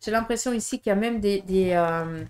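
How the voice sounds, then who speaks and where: A woman's voice: medium pitch, fairly quick, a little mellow, a little hiss or hum. A woman with a Swiss French accent giving a casual tarot reading to viewers, talking in a direct, frank way with many fillers and tag questions. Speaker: tarot reader.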